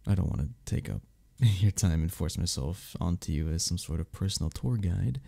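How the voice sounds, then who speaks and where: A man acts as a flirty, friendly cuddle club member giving a newcomer a tour, delivered as a one-sided ASMR romance roleplay. His low-pitched, breathy, gravelly voice is expressive and warm, heavily acted, at a moderate pace. The mood is friendly and curious, and he teases and reassures with chuckles between phrases.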